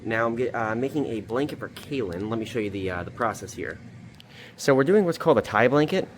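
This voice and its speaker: Recorded indoors in a basement room, a man hosts a casual craft tutorial vlog, rambling informally with loose asides. His medium-pitched voice is expressive and brisk, with a little hiss or hum on the recording.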